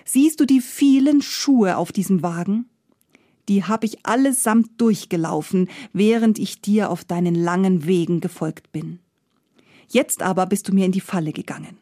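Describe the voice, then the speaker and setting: A woman's voice: mid-range voice, normal speed, mellow, dry recording, studio quality, close to an everyday voice. A woman voicing Death disguised as an old male carter who wails and pleads, then gloats. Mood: gloating.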